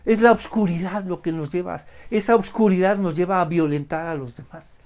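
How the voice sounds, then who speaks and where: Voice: medium pitch, fairly quick, a little mellow. A Bible study teacher giving an online lesson, speaking emphatically, asking rhetorical questions and often using the filler "vamos".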